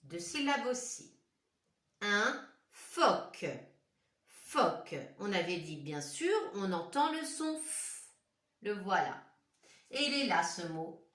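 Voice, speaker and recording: Sounding out words one syllable at a time, a female primary school teacher leads young children through phonics, addressing them directly with questions. She talks slowly and with clear articulation in a mid-range voice that swings widely in pitch. The recording is echoey, with her voice coming from a distant mic in a classroom or home room with a whiteboard.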